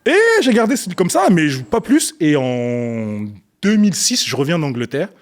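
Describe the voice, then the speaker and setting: Animated man telling his story. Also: fairly high pitch, normal speed. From Africa, grew up partly in Ethiopia. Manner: animated storyteller, acts out scenes, bursts of laughter. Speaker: guest, battle rapper and slam poet. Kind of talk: casual storytelling interview.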